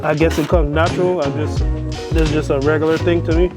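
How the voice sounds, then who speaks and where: A man with a Crucian, US Virgin Islands accent talks in a somewhat high voice over loud music. He rambles casually and unscripted, thinking out loud as he explains his do-it-yourself work. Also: steady tone, fairly quick. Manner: unscripted, thinking aloud while working. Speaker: DIY vehicle builder making videos. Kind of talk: casual, rambling workshop commentary.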